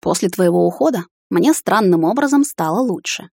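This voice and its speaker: A woman voicing a stern, brooding young male captain in an audiobook, curt and probing, with a husky, rumbling voice. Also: lively intonation, moderate pace, mellow, no room sound, studio quality. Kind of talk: audiobook character voice.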